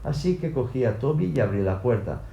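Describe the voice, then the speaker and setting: A man reading a first-person audiobook narration in an even, literal way, in a roomy-sounding recording. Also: medium pitch, a little fast, vocal fry, highs cut off. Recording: roomy echo.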